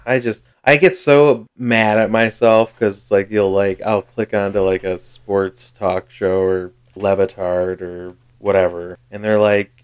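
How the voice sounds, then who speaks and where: A man co-hosting a sports podcast in casual chat, sarcastic and quick to swear. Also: fairly low pitch, level tone, clean tone. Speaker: podcast co-host.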